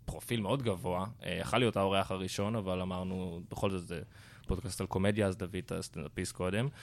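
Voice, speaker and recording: A man's voice: deep voice, steady tone. A man hosting a comedy podcast, talking in an awkward, approval-seeking way. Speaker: podcast host.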